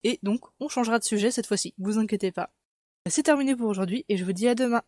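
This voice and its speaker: A woman's voice: fairly high pitch, fast talker, a little mellow, no echo. Woman explaining a constructed language in a dry, close sound. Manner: explanatory, with hesitations. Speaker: conlang teacher. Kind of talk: lesson.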